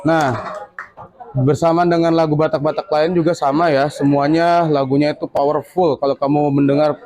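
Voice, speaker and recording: A male school teacher in a classroom, quizzing his students with quick questions and then explaining the answers. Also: on the high side, steady tone, a little mellow, a little hiss or hum.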